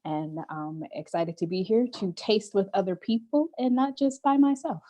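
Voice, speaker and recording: A woman's voice: medium pitch, moderate pace, warm tone. Friendly woman introducing herself on a call. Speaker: wine educator and tour guide. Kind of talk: casual video call introduction. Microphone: video call.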